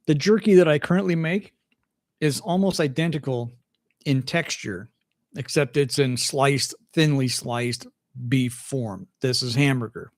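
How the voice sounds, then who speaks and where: A man's voice: mid-range voice, unhurried, dry recording, clean studio sound. An older man hosting a casual livestream chat from home, folksy and chatty, often restarting his sentences. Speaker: host.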